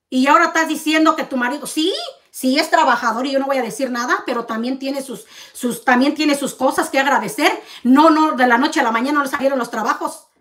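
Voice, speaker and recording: A woman rants to camera in her vlog, accusing and bitter. Her voice sits high, and she stacks up hard rhetorical questions. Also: a bit bright. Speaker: vlogger. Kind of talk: heated confrontational rant to camera.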